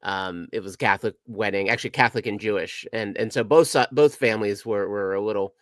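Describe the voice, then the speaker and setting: A man's voice: lowish voice, fast talker, no echo, studio quality. A middle-aged man co-hosting a podcast, telling rambling stories in casual chat with many restarts. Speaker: podcast co-host.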